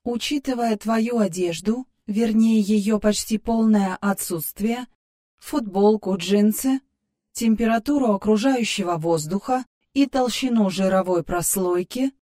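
Спокойная, точная женская помощница, которую озвучивает мужчина-чтец говорит отстранённо и по-медицински сухо. Голос поднят заметно выше обычного, мягкий и приглушённый по тембру. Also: male voice, sits high, unhurried, mellow, pitched above the performer's own voice. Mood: clinical, composed. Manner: detached clinical wording. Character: calm precise female assistant, clinical.

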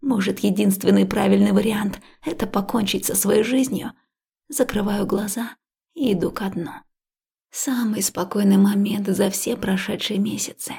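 A woman narrating a first-person audiobook in an intimate, emotional style, often slipping into a breathy whisper. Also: medium pitch, steady tone, moderate pace, warm tone.

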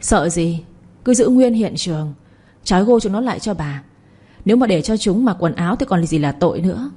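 A woman's voice: mid-range voice, animated, moderate pace, husky. A woman putting on a raging old mother-in-law. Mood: furious. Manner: scolding, shouting insults. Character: furious older woman, a harsh domineering mother-in-law.

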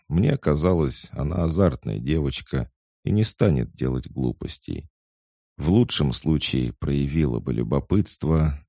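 A man reading a first-person audiobook in a measured, dry and wry manner. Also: very deep voice, gravelly, warm tone, no room sound. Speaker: audiobook narrator.

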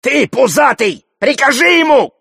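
A scheming hunchbacked warlord shrieks his taunts in a high, piercing voice, as a male reader puts him on. He needles and threatens in sharp bursts, crackling with grit. The audiobook recording is close and dry. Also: expressive, measured pace, vocal fry, dry recording, full character voice. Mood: shouting. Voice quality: shrill, shouting. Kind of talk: audiobook character voice.

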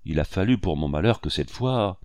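A man's voice: low-pitched, animated, moderate pace, darkish tone, dry recording, studio quality. A man doing a fretful little woman over forty. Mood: upset. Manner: agitated, wounded complaining. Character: fussy, tearful little woman past forty.

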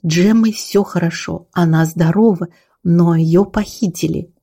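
A woman voicing Marco, an impulsive young male Italian opera tenor who talks in a hurried, pleading way. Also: on the low side, dark tone, slightly rough.

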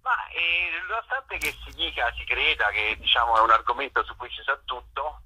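A medium-pitched man with a sharp tone and moderate pace is interviewed by phone on the radio as a theatre writer-performer. He explains things discursively, searching for his phrases, over a dull, band-limited line with slight background noise.

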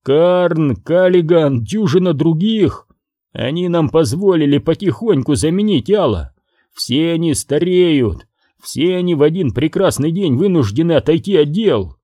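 A male audiobook reader voicing a furious middle-aged crime boss who shouts and bites off each word. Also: on the high side, sing-song, a little slow, dry recording, studio quality, pitched above the performer's own voice, exaggerated voice.

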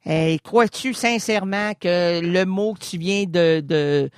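A man's voice: high voice, slow pace, clear, resonant tone. A man with a Québécois accent doing a rambling improvised comic monologue full of wordplay. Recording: long hall reverb with faint music.

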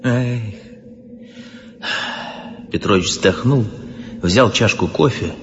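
A man reading a story aloud as an audiobook narrator, in an even storytelling manner. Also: on the low side, normal speed, highs cut off, background noise. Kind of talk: scripted narration.

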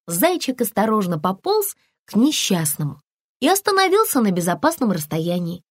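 Lively woman reading a children's story. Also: normal speed, breathy edge, no echo, clean studio sound. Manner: expressive storytelling with lively pitch. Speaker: audiobook narrator. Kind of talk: children's audiobook narration.

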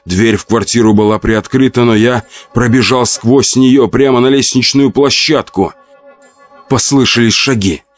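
A man reading a first-person horror story aloud, expressive and dramatic. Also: medium pitch, unhurried, soft background music. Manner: expressive, acts out shouts and laments. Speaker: audiobook narrator.

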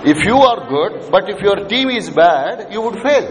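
In a large, echoey hall full of students and clear background noise, a man with an Indian accent leads a management lecture. His high voice is sing-song and a little slow, and he draws the audience in with questions while repeating his main ideas.

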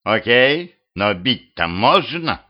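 A man voicing a grim, blunt female cyborg bodyguard in a homemade audiobook, with a flat, gloomy delivery. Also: mid-range voice, slow pace, clear, resonant tone, lightly acted. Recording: dull lo-fi home recording.

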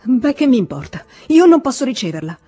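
A woman reader voicing an angry betrayed wife who shouts in shrill, bitter outbursts, with a husky voice. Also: big pitch swings, a little fast, soft background music. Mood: furious.

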